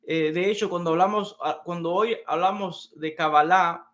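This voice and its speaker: Explaining Kabbalah to beginners at a whiteboard, this man takes his time and proceeds step by step, repeating important words. His voice sits high with a fairly bright tone.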